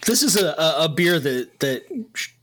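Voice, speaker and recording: Male podcast co-host, forceful and higher-pitched, profane casual interjections, unhurried. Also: animated. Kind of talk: casual banter.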